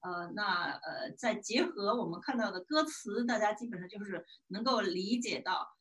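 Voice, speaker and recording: A woman's voice: mid-range voice, animated, moderate pace, a bit bright. A woman giving a casual spoken music lesson. She hesitates with many fillers and restarts, and hums short bits of melody. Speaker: music appreciation presenter.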